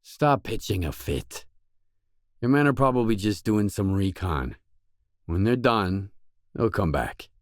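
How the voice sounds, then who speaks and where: In a dry, studio-quality recording, a man with a lowish, expressive voice speaks unhurriedly, pausing often. He's acting as a wary, pragmatic loner stalker in a video game, giving voice lines that sound terse, blunt, matter-of-fact, and disapproving.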